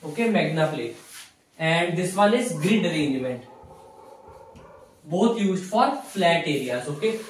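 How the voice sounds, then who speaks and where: Picked up by a distant camera mic in a very echoey, bare little room, a young male physiotherapy instructor teaches at a whiteboard. His slightly high voice has lively intonation and a measured pace with frequent pauses, and he stresses key phrases by repeating them, often adding okay. Some background noise is present.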